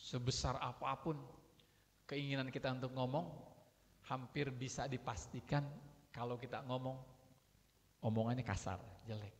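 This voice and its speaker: A man giving a religious sermon in a relaxed, conversational way, acting out everyday quarrels as examples. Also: medium pitch, moderate pace, long pauses. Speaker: preacher. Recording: long hall reverb.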